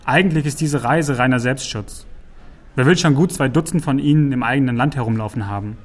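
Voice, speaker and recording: A man voicing a dry, level-headed male warrior who speaks in measured replies. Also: mid-range voice, natural voice. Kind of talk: audiobook character voice.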